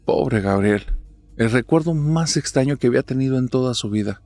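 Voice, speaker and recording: A man narrating a spoken horror story in a dramatic manner, dropping to a hush at tense moments. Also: medium pitch, animated, normal speed. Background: faint music.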